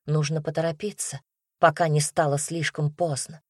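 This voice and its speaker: A woman reading a first-person fantasy audiobook in a steady, expressive way. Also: sits low, moderate pace, dry recording, clean studio sound. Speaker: audiobook narrator.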